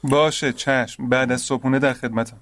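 A young man playing an earnest roommate who patiently explains religious rules, gently exasperated. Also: medium pitch, steady tone, lightly acted. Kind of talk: radio drama acting.

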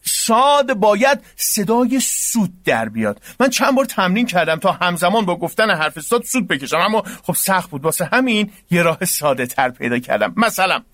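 Babak, a high, lively muddled young man. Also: dry recording. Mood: earnest. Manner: earnest, defensive, drawn-out emphatic delivery. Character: naive, earnest young man, comically muddled. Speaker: naive worshipper with odd ideas. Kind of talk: comic radio drama acting.

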